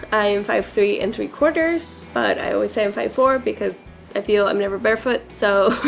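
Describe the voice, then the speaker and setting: A hairdresser and beauty vlogger answers questions in a chatty, informal way, her mid-range voice creaky. Born in Portugal, she was raised in California from about age four, and she sprinkles her casual talk with "like" and "literally."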